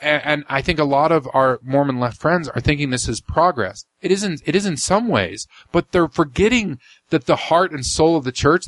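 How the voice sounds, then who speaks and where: A man's voice: a little high, fairly bright tone, no room sound. Guy doing a podcast, blunt and snarky, lots of ums and restarts, dry sound. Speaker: podcast host. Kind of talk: casual commentary reading a talk.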